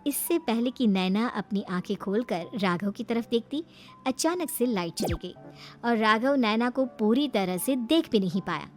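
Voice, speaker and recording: A woman's voice: on the high side, expressive, unhurried, a little mellow. A woman narrating a scripted story as a storyteller. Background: faint music.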